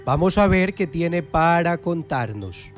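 Slow high-voiced man pitching. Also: expressive. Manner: slow, repeats phone numbers digit by digit. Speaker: spiritual healer advertising a phone line. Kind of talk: radio infomercial pitch. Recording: music bed behind.

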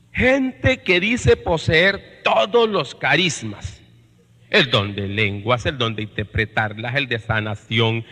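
A man from Colombia's Caribbean coast preaches to his congregation as a priest, his fairly high voice pushed and bright. He speaks emphatically in Colombian Caribbean Spanish, repeating phrases and posing questions to his listeners. The long reverberation of a large hall surrounds his sermon-like talk.

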